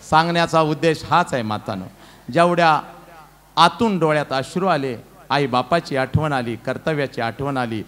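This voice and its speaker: A middle-aged man, a motivational speaker addressing a women's gathering. He teases and bosses the crowd with humor, swinging between loud calls and hushed, earnest pleas. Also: a little high. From western Maharashtra. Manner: teasing, humorous, bossy with the audience.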